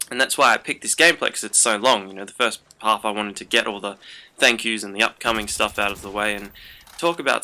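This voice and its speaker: Young man with a sharp, bright voice. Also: medium pitch, gravelly. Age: young adult. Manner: rambling, chatty storytelling with many fillers. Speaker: gaming channel host. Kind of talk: casual commentary over gameplay.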